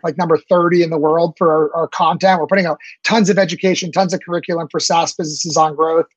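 A man's voice: high voice, dry recording, muffled recording. A man in his late thirties, a startup founder answering interview questions eagerly, with many fillers and restarts. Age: 30s.

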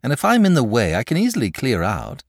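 A man's voice: mid-range voice, huge pitch swings, fast talker, vocal fry, dry recording, studio quality, voice pushed up, exaggerated voice. A man voicing a polite, slightly weary, well-read young boy.

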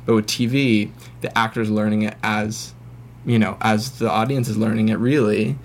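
A man's voice: lowish voice, steady tone, normal speed, a little hiss or hum. A young man, an actor guest, chatting casually and rambling with many restarts. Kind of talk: casual chat.

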